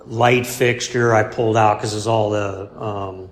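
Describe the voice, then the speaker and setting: A man's voice: on the low side, fairly even intonation. Give me a rambling man being interviewed, in a roomy space. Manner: rambling, halting, many fillers and restarts; self-deprecating, laid-back. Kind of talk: casual interview. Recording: roomy with faint background hum.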